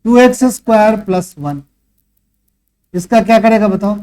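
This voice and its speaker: A math teacher, male, lectures in an expressive, warm voice that sits high and keeps a moderate pace. He tests the class with questions, scolds them rhetorically, and sternly pushes them to work hard at home.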